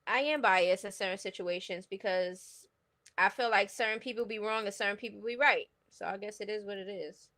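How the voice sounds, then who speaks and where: Speaking fairly quickly in a medium-pitched, fairly bright voice, this livestream host from New York City chats casually. She has a New York accent and delivers her gossip takes bluntly, full of opinions and slang.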